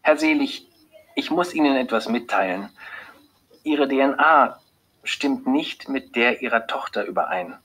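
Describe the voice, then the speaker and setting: A man reading an audiobook, voicing a composed, earnest female lab doctor who delivers hard news calmly and hesitantly, with a husky voice. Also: mid-range voice, unhurried, voice pushed up, low-quality recording. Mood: grave. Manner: calm, earnest, hesitant when giving bad news. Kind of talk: audiobook character voice.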